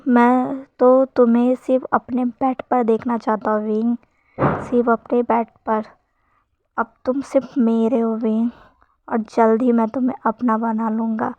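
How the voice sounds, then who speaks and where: A woman's voice: high voice, level tone, normal speed, no echo, lightly acted. Woman reads possessive schemer, young man, plain storybook delivery, dry and muffled. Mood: scheming. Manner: read in a plain narrating voice, softer when plotting. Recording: dull lo-fi sound.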